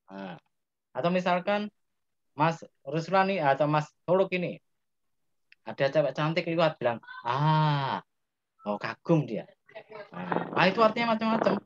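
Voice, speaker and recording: A man's voice: fairly high pitch, noisy background. Javanese man teaching, lo-fi sound. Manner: asks students questions, explains step by step. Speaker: Islamic grammar teacher. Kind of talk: interactive classroom lesson.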